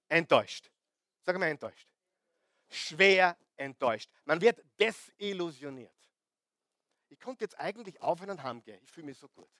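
A middle-aged male pastor delivers a lively sermon to his congregation, frequently posing questions to the crowd and shifting between loud and quiet. His voice is high, and there is no echo.

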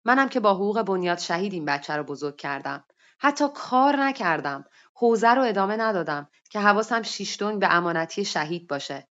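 A woman's voice: mid-range voice, lively intonation, fairly bright tone, close to an everyday voice. A woman reading as Amene, a weary widowed mother. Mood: confiding. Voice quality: colloquial, confiding, hesitant. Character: weary widowed mother in her thirties, anxious. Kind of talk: story reading. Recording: dull lo-fi online audio.

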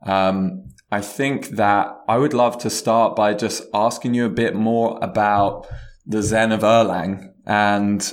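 British male podcast co-host, lowish voice, chatty and self-deprecating, heavy room echo from a conference room. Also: steady tone, slow pace. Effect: roomy echo on the voice. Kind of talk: casual podcast chat.

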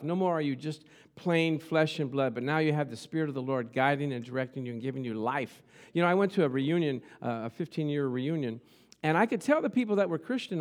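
High-voiced male preacher, emphatic and conversational. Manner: emphatic, with repeated phrases and rhetorical questions. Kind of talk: conversational motivational sermon to a congregation.

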